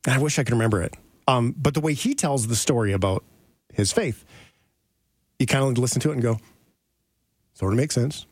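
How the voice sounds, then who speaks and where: A man's voice: medium pitch, fast talker, pauses often, dry recording. A man hosting an interview podcast, telling anecdotes in a rambling, casual way with easy laughs. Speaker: podcast host. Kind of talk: casual storytelling.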